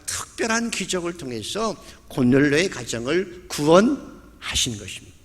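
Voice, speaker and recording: A man's voice: on the high side, very animated, moderate pace. A male pastor preaching a sermon, telling a story vividly and acting out the quoted lines. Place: church sanctuary. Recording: long church hall reverb.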